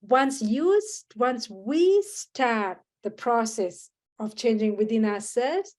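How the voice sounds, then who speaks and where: Earnest Sri woman, slightly high. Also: lively intonation, darkish tone. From Sri Lanka. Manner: earnest, measured, with frequent restarts and fillers. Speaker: guest. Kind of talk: reflective podcast conversation.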